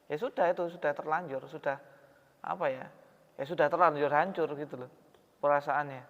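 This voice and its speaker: A man's voice: fairly high pitch, fairly even intonation, fairly quick. A man preaching a sermon in a mosque hall, talking in a conversational way and asking his audience questions. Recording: reverberant hall, dull sound.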